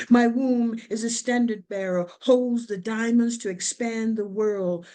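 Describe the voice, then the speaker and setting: A woman poet reciting her spoken word pieces slowly and deliberately over a video call. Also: mid-range voice, a little mellow. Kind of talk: spoken word poetry reading.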